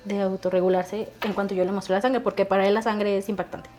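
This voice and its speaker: A woman's voice: mid-range voice, faint music behind. A woman, a guest telling stories about her son in a casual conversation, acting out the dialogue as she goes. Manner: fast animated storytelling, acting out dialogue.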